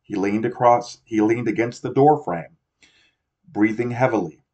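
A man's voice: mid-range voice, a little slow, dark tone. A man narrating a novel aloud, often stumbling and correcting himself as he reads. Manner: reads with frequent slips and self-corrections. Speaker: audiobook reader. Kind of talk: amateur audiobook narration. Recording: dull lo-fi recording.

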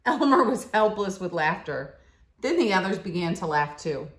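In this one her voice is on the low side but very animated, moving at normal speed. The school staffer in her thirties reads a picture book aloud to a child in simple teacherly phrasing from a leather couch in her living room. The camera sits a short distance away, and the home recording echoes.

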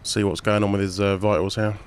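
A man role-playing a paramedic in a game, talking through procedures calmly and reassuring the patient. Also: fairly low pitch, fairly quick, smooth. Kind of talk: improvised emergency role-play.

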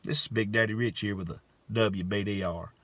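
A man hosting his show, telling a comic story in a folksy, drawn-out way with frequent asides. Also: lowish voice, steady tone, a bit bright, no room sound. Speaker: host. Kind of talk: comedic storytelling monologue.

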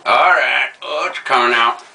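Excitable crude man, echoey room. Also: medium pitch, normal speed, gravelly, recorded from a distance, slight background noise. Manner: excitable, crude, swears freely. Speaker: pipe-smoking video blogger. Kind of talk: casual unboxing vlog.

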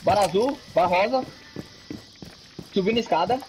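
A Brazilian man in a high register repeats urgent callouts to his team over voice chat. A faint hiss runs beneath his voice. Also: moderate pace, darkish tone, rough recording. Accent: Brazilian Portuguese. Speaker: teammate on voice chat.

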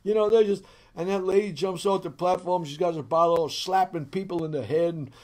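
A middle-aged man, a bishop, telling his testimony in an animated, boisterous storytelling manner. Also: high-pitched, brisk.

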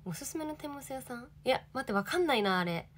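A woman's voice: sits high, lively intonation, quick pace, a little hiss or hum. A young woman in her twenties, an idol livestreaming, chatting casually and reading viewer comments with giggly, bubbly energy.

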